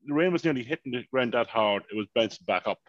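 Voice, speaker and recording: A man, telling a long, animated story in casual podcast chat and swearing freely. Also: medium pitch, fast, no room sound, highs cut off. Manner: animated, swears freely, repeats "mayhem" and "unbelievable". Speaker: podcast co-host.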